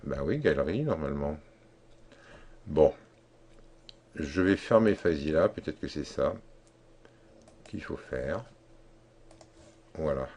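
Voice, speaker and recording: A man giving a screen-recorded software tutorial, explaining step by step in a halting way with many fillers and restarts. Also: a bass voice, lively intonation, husky. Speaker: tutorial instructor.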